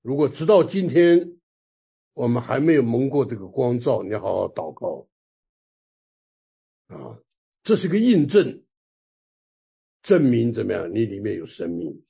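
A man's voice: mid-range voice, unhurried, creaky, pauses often, breathy edge, muffled recording. A man preaching a sermon in Mandarin, telling a personal testimony with laughter and repeated words. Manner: animated storytelling, laughs often, repeats words.

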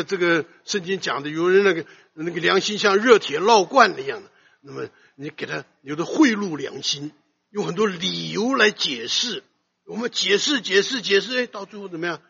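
A man preaching a sermon, swinging between loud emphasis and soft low asides and putting questions to his listeners. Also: creaky, slightly rough. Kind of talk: expository sermon. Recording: dull lo-fi recording.

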